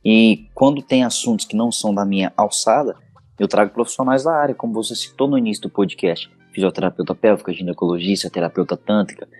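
A man with a Brazilian accent talks casually as a podcast guest, slipping into acted-out scenes while he explains. His voice is slightly husky, with faint music in the background. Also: on the low side, quick pace. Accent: Brazilian Portuguese. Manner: animated storyteller acting out scenes. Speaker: podcast guest, intimate audio creator.

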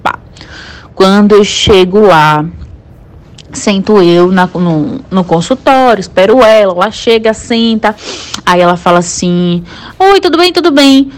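A woman's voice: mid-range voice, measured pace. A young woman from Brazil with a Brazilian Portuguese accent, animatedly retelling a personal story to a friend with dramatic exclamations.

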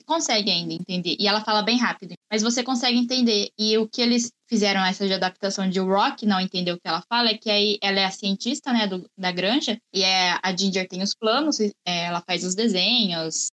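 A woman's voice: mid-range voice, fairly bright tone. A woman in a casual film discussion, chatty and explaining at length.

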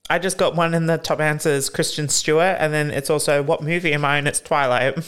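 Smooth-voiced easygoing woman. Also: deep voice, steady tone, fairly quick. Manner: easygoing, laughs often, self-deprecating. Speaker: co-host. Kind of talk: casual chat.

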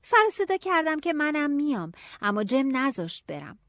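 A woman narrating a novel in the first person, telling it in a lively, expressive way. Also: high-pitched, no room sound, clean studio sound. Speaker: audiobook narrator.

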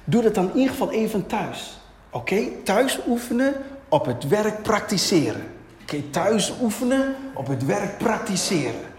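A man preaching a sermon, asking and answering his own questions in a lively way. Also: sits high, normal speed. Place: church hall. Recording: echoey hall, long reverb.

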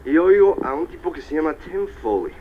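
Male motivational speaker, lively storytelling with English asides; slightly high voice, dull lo-fi live recording. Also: a little fast, slight background noise. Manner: animated storyteller, peppers Spanish with English tags like "right?" and "all right". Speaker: motivational speaker at a business convention. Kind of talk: live motivational speech to an audience.

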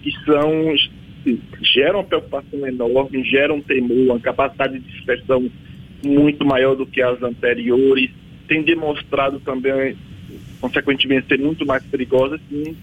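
A man from the backlands of Bahia with a Bahian Brazilian accent and a husky voice, explaining as an expert guest in an informal, emphatic way. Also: mid-range voice, steady tone, moderate pace, phone-quality sound. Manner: emphatic, colloquial, checks listener understands. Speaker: vaccine researcher, interview guest.

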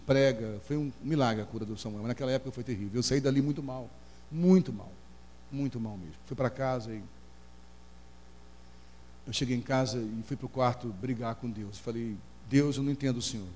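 A middle-aged Brazilian man preaching a sermon as pastor, telling an emotional story and crying out in high voices as he acts out the people in it. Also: a little fast, mellow. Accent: Brazilian Portuguese. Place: church hall. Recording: long hall reverb, faint hum.

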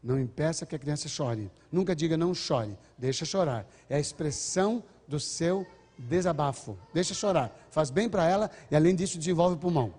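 A man's voice: a little high, lively intonation, moderate pace, darkish tone, breathy edge. An older man giving a lecture on parenting to a large audience, earnest and acting out exchanges between parents and children. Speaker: speaker on parenting. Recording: long hall reverb.

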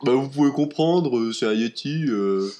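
A man doing a disguised deep voice for a big furry male monster in an improv sketch, evasive and hesitant with many fillers. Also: lively intonation, normal speed, heavy background noise, close to an everyday voice.

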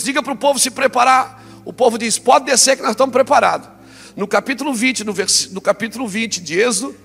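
A man preaching a sermon, swinging between loud exclamations and quiet, low passages. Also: gravelly, breathy edge, big-room sound.

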